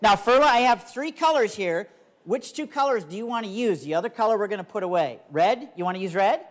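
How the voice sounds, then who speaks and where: A man's voice: sits high, lively intonation, a little fast. A man works a live kids' comedy magic show as the magician. He speaks in simple, coaxing phrases to small volunteers, then turns to address the audience like a playful showman. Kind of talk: live stage show patter for kids, talking to volunteers and audience.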